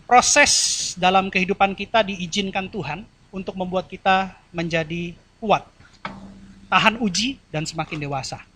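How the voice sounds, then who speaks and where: A male pastor preaching a sermon in a church, lively and animated, acting out quoted voices. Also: high-pitched, a little slow. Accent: Indonesian.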